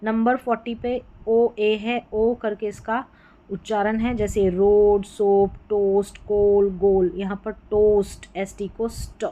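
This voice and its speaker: A woman's voice: medium pitch, level tone, takes it slowly, dark tone, poor audio. A woman teaching an English reading lesson, patiently spelling out letter groups and then sounding out each word. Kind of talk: classroom-style phonics lesson.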